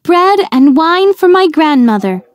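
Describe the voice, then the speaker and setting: A woman's voice: very high-pitched, big pitch swings, measured pace, no echo, studio quality, voice pushed up, exaggerated voice. A woman voicing a sweet, innocent little girl in a fairy tale, with an exclaiming, singsong delivery.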